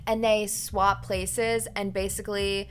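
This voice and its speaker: A young woman with an average-pitched voice talks casually as a book reviewer. Her delivery is informal and rambling, like gossip between friends, slipping into quoted asides. There is clear ambient noise behind her. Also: flat delivery, slow.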